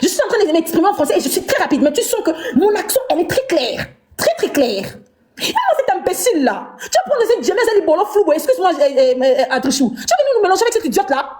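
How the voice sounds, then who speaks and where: A woman's voice: extremely high pitch, very animated, fast, a little mellow. A woman, ranting and mocking on a live stream and laughing between insults. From Congo. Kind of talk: heated live-stream rant.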